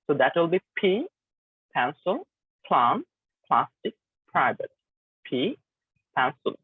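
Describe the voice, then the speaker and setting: A man leading a live online pronunciation lesson, drilling words slowly and repeating them, with English phrases mixed in. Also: a little high, slightly rough, no echo. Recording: tinny, dry online call audio.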